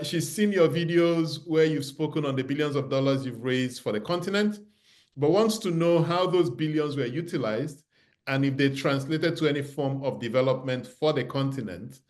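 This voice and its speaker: Male host reading audience questions. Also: medium pitch.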